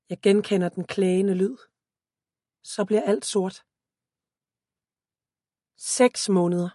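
A woman reading a first-person story aloud as an audiobook narrator, in a calm, steady voice. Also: medium pitch, dry recording, studio quality.

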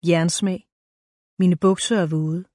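A woman reading a first-person story aloud in a calm, measured, intimate way. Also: fairly low pitch, no room sound, studio quality. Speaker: narrator. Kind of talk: first-person audiobook narration.

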